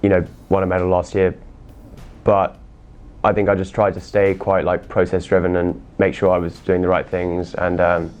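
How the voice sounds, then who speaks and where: An eighteen-year-old man giving casual, measured interview answers about his rowing crew. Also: sits low. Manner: steady, measured, filler-heavy. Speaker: junior rowing crew member.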